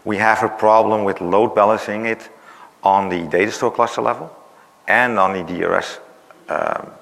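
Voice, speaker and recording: Fairly low-pitched, creaky and a bit bright, a conference presenter keeps fairly even intonation at a moderate pace. Though his voice is fading, he explains his technical topic with many "uh"s and "right?" tags in a large, reverberant hall.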